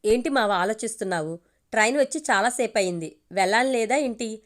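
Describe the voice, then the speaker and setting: A woman's voice: fairly high pitch, lively intonation, brisk, close to an everyday voice. Easygoing young male friend, casual, joking, read by a woman. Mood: teasing.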